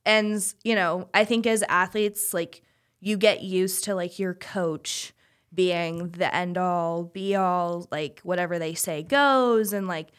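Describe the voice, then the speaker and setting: In a fairly low, clear, resonant voice and a slow pace, a woman in her twenties talks openly on a podcast about her college swimming years. The conversation is loose and casual, and she leans heavily on "like" and "you know."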